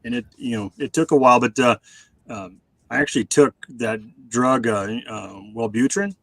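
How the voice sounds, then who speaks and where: A man's voice: medium pitch, normal speed, gravelly, fairly bright tone, dry recording, poor audio. A man in his forties chatting casually on a video call, rambling with many fillers and restarts. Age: 40s.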